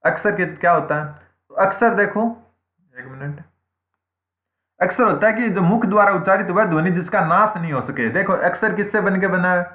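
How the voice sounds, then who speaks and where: Speaking at a moderate pace, this man has a high, pushed, bright voice as he teaches Hindi grammar online for exam prep. He repeats points, asks and answers his own questions, and tacks "theek hai" onto almost every point; the sound is tinny and echoey, like a phone.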